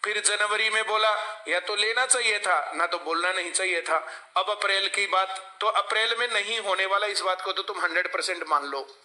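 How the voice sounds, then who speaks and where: A man's voice: sits high, normal speed, pushed and bright. A male coaching teacher, lecturing a class and often asking the students to answer him. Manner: lecturing, asks class for replies.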